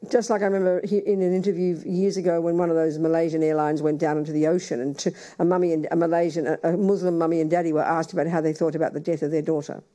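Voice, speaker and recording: Blunt older woman teaching, mellow voice. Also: low voice, little pitch movement, fast, hardly any pauses. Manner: blunt, teasing, talks in short phrases paced for the interpreter. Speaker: Buddhist nun teacher. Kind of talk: dharma teaching with live interpretation.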